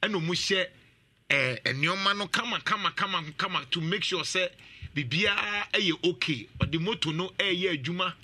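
Man, talk show host, very bright tone, slightly high voice, animated. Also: normal speed. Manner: animated, laughs often. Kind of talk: casual commentary mixing Twi and English.

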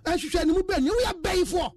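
A Ghanaian man, a panelist called counselor, speaking loudly in a heated panel debate, mixing English with Twi. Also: very high-pitched, normal speed, recorded from a distance. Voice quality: loud, mixes English with Twi.

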